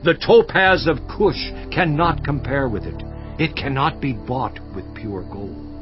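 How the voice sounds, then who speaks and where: An actor playing Job, an aging afflicted man, declaiming scripture slowly and solemnly in a dramatized audio Bible, over a dull, lo-fi recording with faint music behind. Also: medium pitch, expressive, lightly acted.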